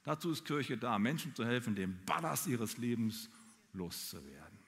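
A man preaching a sermon, talking straight to his listeners in an animated way. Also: mid-range voice, normal speed, big-room sound. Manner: animated, addresses listeners directly. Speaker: pastor.

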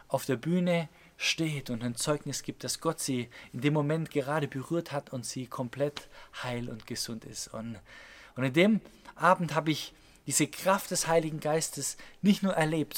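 A fervent male preacher in his thirties, his voice sitting a little higher than most men's. He tells stories and turns straight to his congregation, surging into loud urgency and then dropping to a hushed, close tone. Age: 30s. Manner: passionate, swings between loud urgency and hushed intimacy; storytelling, addresses listeners directly. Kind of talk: sermon.

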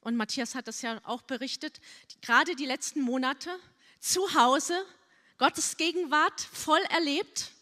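A middle-aged woman pastor delivers a sermon at an unhurried pace, her voice sitting somewhat high. She leans into earnest, pleading phrases that drop to a hush. Long reverb from the church hall trails after each line. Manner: slow, earnest preaching with hushed, pleading prayers.

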